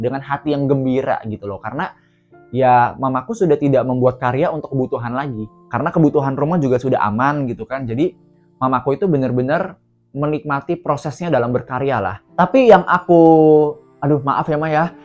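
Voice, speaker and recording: A man's voice: mid-range voice, darkish tone, dull audio. A young man earnestly telling a personal story to his viewers, often speaking to them directly. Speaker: vlogger.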